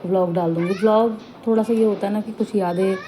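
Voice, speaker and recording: A woman's voice: mid-range voice, fairly even intonation, fast talker, mellow. Chatty woman vlogging over noise. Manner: chatty, homely storytelling. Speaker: family vlogger. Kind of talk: casual vlog narration.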